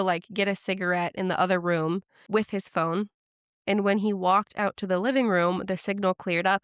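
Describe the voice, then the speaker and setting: Woman host, casual podcast storyteller, smooth clear voice, dry close sound, chatty fillers. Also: mid-range voice, a bit bright, no room sound. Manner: chatty retelling with frequent "like" fillers.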